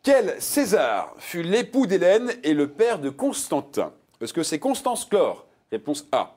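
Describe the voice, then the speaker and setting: A man hosting a quiz show on television speaks at a measured pace in a highish voice. He reads multiple-choice questions with spirited emphasis and trades jokes with the contestants.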